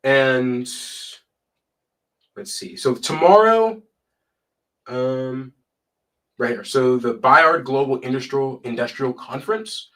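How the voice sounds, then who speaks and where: A man's voice: mid-range voice, lively intonation, takes it slowly, long pauses, a bit bright. A young man with a stuffy, cold-blocked voice, hosting a casual live stream and reading numbers aloud with chatty asides. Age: young adult. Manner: chatty, reads figures aloud and adds asides.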